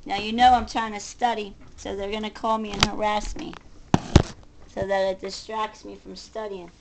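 Against a noisy background, a middle-aged vlogger delivers a combative, sarcastic, profane rant into a webcam in her home kitchen. Despite her agitation and casual tone, her medium-pitched voice is flat and moderately paced.

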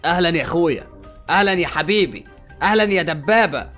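Man playing an exasperated Egyptian asylum doctor, high voice, quick talk, scolding. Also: lively intonation, faint music behind. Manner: scolding, shouting at patients, then coaxing softly. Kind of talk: fan-made game movie voice acting.

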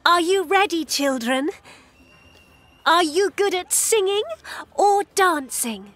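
A woman voicing a kind, helpful grown-up in a children's cartoon, speaking slowly and clearly. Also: extremely high pitch, lively intonation, fairly bright tone, no echo, exaggerated voice. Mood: cheery. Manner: slow clear storybook delivery.

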